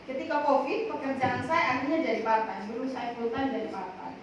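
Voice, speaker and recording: A woman with a high voice preaches a sermon full of personal testimony, her emphasis rising and falling. She is heard from a distance in a very echoey prayer hall, with clear background noise. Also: a little fast, muffled recording. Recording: echoey hall, from far off, noisy.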